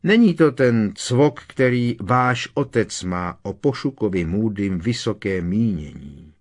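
A man reading an audiobook, voicing a stern but caring middle-aged mother witch, speaking higher than his own voice. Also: big pitch swings. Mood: firm.

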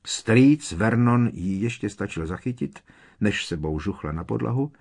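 Male audiobook narrator, lowish voice, even, measured storytelling. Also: slightly rough.

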